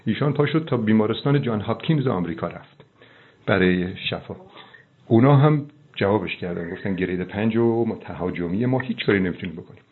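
A middle-aged man, a doctor, giving earnest, preachy advice on a phone call, slowing down for emphasis. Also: on the low side. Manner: fervent, preachy, slows down for emphasis. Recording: tinny phone line.

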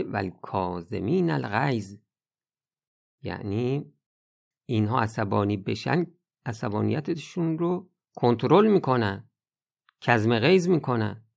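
A man's voice: medium pitch, expressive, pauses often, darkish tone. A man giving an earnest religious talk, urging listeners and reciting scripture passages. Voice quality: gravelly creaky voice. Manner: earnest preaching, rising to urge listeners. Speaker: religious speaker. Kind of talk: spiritual talk podcast.

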